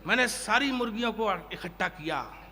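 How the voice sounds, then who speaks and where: A man's voice: sits high, animated, normal speed, sharp tone, slight background noise. A man performing comic poetry on stage, chanting sing-song refrains and tossing joking asides to the audience. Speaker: comic poet. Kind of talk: comic verse recital on stage. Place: stage at a live poetry gathering. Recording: echoey hall sound.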